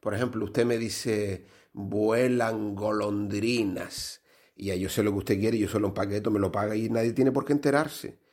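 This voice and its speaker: A man voicing a discreet pharmacist, speaking with halting repetitions. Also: lowish voice, fairly even intonation, darkish tone, close to an everyday voice. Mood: reassuring. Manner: halting, repeats words. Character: calm discreet male pharmacist.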